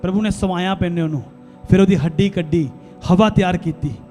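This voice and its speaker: A pastor with a Punjabi accent preaches to his church in a high, ringing man's voice. He shifts between bold teaching and hushed voicings of worried people, with soft music faintly under him. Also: moderate pace. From India. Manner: switches between preaching and quiet acted-out quotes of worried people. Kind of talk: sermon.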